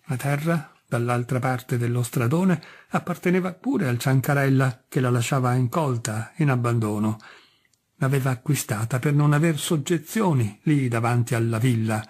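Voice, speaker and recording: Husky male audiobook narrator. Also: mid-range voice, darkish tone. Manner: measured, clear storytelling. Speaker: audiobook reader. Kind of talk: scripted narration of a literary short story.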